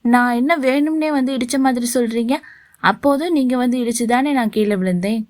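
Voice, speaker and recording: A woman's voice: a little high, a little fast, a little mellow, no room sound, close to an everyday voice. Woman voicing a flustered, indignant young heroine. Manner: indignant, pleading.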